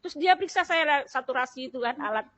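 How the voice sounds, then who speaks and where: A woman giving an animated personal faith testimony as an interview guest, acting out voices and sounds as she tells it. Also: high voice, rapid-fire, dry recording.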